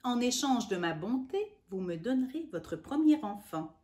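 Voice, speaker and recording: A woman's voice: fairly high pitch, animated, normal speed, mellow, close to an everyday voice. A woman voicing a feared, menacing female witch in a storybook reading, with a growling delivery.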